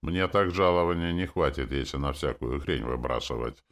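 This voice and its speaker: Grumbling young soldier, voiced by a male reader, stern, know-it-all tone, low voice, audiobook. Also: normal speed, a bit bright. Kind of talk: audiobook character voice.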